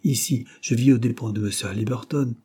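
A sulky, restless young man, put on by a male audiobook reader, pleading in a raised, husky voice. The tone stays dark and a little breathy, with a petulant edge. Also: medium pitch, brisk, lightly acted. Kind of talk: audiobook character reading.

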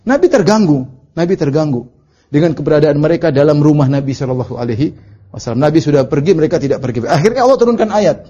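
Man, middle-aged, preacher, lecture style, acts out stories, mellow tone, muffled lo-fi sound. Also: fairly high pitch, fast. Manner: animated storytelling, acts out quoted lines in raised voice; recites Arabic then explains in Indonesian. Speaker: Islamic preacher teaching a book. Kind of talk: religious study lecture. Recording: dull lo-fi lecture recording.

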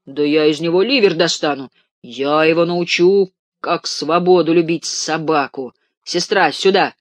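In a dry, close reading, a man gives voice to a loud, blustering male patient, a former thief who shouts and wheedles in indignation. The voice is raised and pitched high. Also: moderate pace, slightly rough, no echo. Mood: indignant. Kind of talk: audiobook reading.

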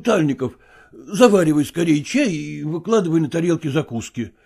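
A man reading an audiobook, voicing a middle-aged actor who pretends to be ill, groaning and slowly wheedling. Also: a little high, animated, vocal fry, darkish tone, breathy edge, voice pushed up, exaggerated voice. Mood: groaning evasive. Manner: groaning, drawn-out and slow, wheedling. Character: middle-aged male actor feigning illness, evasive.

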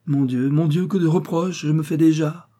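A man's voice: fairly high pitch, steady tone, moderate pace, warm tone, pitched above the performer's own voice, close to an everyday voice. A man reading aloud and voicing an anxious, devoted young woman student who speaks in urgent, fretful pleas.

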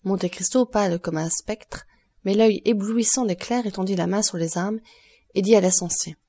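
A woman narrating an audiobook of a classic novel with a clear, expressive reading. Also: medium pitch, moderate pace. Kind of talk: scripted narration.

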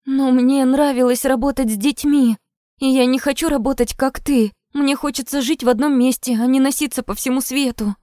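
A woman's voice: sits high, fairly even intonation, normal speed, mellow, no room sound, studio quality, voice pushed up, lightly acted. A woman reader voicing an upset young teacher, tearful and defiant in her outbursts.

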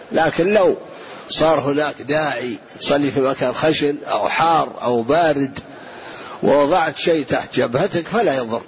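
Man answering questions in a lo-fi lecture recording. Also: fairly high pitch. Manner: explanatory, measured, repeats points for emphasis. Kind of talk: religious lesson Q&A.

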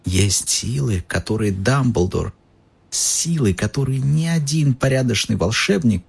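A man voicing a timid, anxious male house-elf who pleads and keeps saying sir, with a husky voice. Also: mid-range voice, animated, moderate pace, a little mellow, pitched above the performer's own voice. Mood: whispering. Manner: pleading, calls the listener sir.

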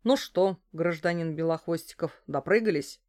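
A woman's voice: lowish voice, normal speed, darkish tone, close to an everyday voice. A woman reading as a stern, mocking police investigator. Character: brusque male police investigator.

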